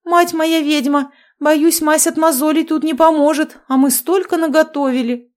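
A woman's voice: high-pitched, steady tone, moderate pace, voice pushed up, close to an everyday voice. A woman reading aloud, voicing a young witch who fusses over her friend and soothes her. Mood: dismayed. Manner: doting, soothing.

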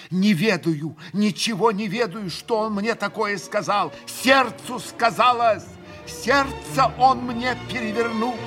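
A man's voice: sits high, pitched above the performer's own voice. A man reading aloud and voicing a passionate young woman who lurches between fury and tears, with hysterical cries. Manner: hysterical outbursts, bitter and sobbing.

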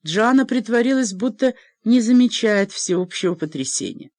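Expressive female audiobook narrator, animated delivery, dry booth sound. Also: on the high side, moderate pace, no room sound. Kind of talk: scripted narration.

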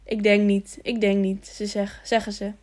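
A woman's voice: medium pitch, completely flat delivery, moderate pace, darkish tone, lightly acted. Woman putting on an eager childlike young fool. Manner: repetitive, pleading questions. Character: simple-minded young man, childlike, lonely and eager.

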